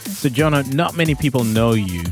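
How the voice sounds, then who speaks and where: A man's voice: medium pitch, animated, normal speed, loud music behind the voice. A man hosting a podcast who asks questions in a friendly, teasing way, with loose phrasing and frequent restarts. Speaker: podcast host. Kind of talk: casual interview questions.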